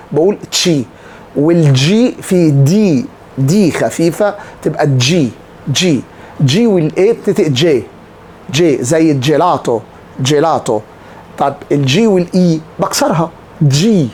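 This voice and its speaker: A man's voice: fairly high pitch, darkish tone, a little hiss or hum. Egyptian man drilling Italian sounds. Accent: Egyptian Arabic. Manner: drills sounds by repeating example words. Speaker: Italian teacher. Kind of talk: online language lesson.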